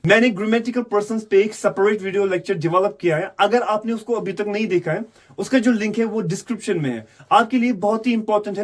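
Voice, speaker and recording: Male English teacher, high voice, walks through grammar step by step, mixes in English phrases. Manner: explains step by step, asks and answers his own questions. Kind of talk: online grammar lesson.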